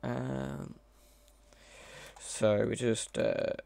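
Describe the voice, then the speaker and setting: Talking through his code on a live stream, this mod developer speaks very slowly in a fairly low, dark voice with vocal fry and little pitch movement. His commentary is casual and thought-aloud, full of hesitations and self-corrections, on a dry recording.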